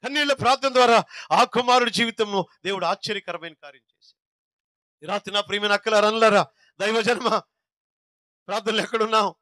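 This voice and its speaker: A man's voice: high-pitched, fairly quick, long pauses, sharp tone, dry recording. A young man preaching an open-air sermon with fervor, calling on the crowd to answer him. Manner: fervent, exhorting crowd to respond. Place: outdoor meeting ground.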